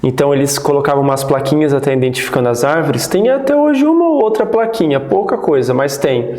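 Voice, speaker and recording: A man in his thirties, born in the United States, recalling his childhood as a guest in a relaxed, rambling interview. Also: fairly high pitch, a little fast. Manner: relaxed, rambling, many restarts. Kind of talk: casual interview storytelling. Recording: roomy echo.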